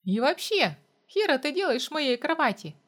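A woman voices a grumpy, hungover young man in an audiobook, rough and blunt, and her reading sits a little high. his lines come out short and complaining. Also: very animated, normal speed, fairly bright tone. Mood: indignant. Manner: grumbling, then pleading.

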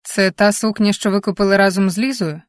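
A woman reading the part of a kind middle-aged man and loving father who speaks warmly and gently, in a dry, close audiobook recording. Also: medium pitch, fairly even intonation, a little fast, no echo, close to an everyday voice. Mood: gentle.

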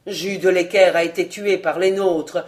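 A reader voicing an old male majordomo in an audiobook, speaking low and subdued. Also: fairly even intonation, measured pace, natural voice. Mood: defensive. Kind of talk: audiobook character reading.

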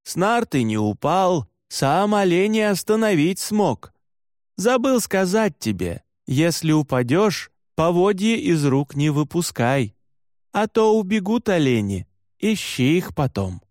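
A man reading an audiobook, voicing an older reindeer herder who gives steady, practical instructions. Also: high voice, measured pace, no room sound, studio quality, pitched above the performer's own voice. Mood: approving. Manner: steady instructing, calls out loudly from afar. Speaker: reindeer herder teaching the boy.

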